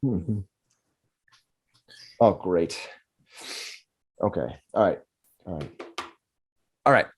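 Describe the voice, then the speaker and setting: A man's voice: low-pitched, lively intonation, drawn-out words, long pauses, breathy edge. A man acting as game master, narrating a tabletop game casually and repeating his phrases as he explains.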